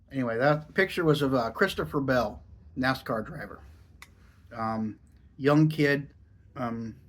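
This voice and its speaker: An American man chatting casually in a rambling, folksy vlog style, his speech slightly muffled by a lip full of dipping tobacco. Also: medium pitch. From Oregon, United States. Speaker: dipping tobacco review vlogger. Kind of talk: casual rambling chat to camera.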